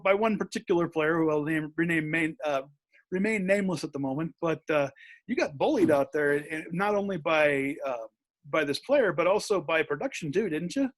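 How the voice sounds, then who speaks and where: A man hosting a video call, asking a guest a question in a halting way. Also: fairly high pitch. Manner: halting, full of fillers and restarts while asking. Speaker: host.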